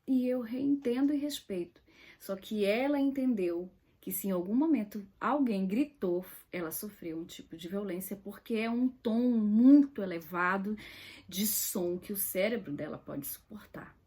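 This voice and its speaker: A woman's voice: mid-range voice, lively intonation, measured pace, dark tone, breathy edge. A woman giving an earnest teaching talk, stressing key words and dropping to a whisper now and then. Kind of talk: direct-to-camera teaching talk.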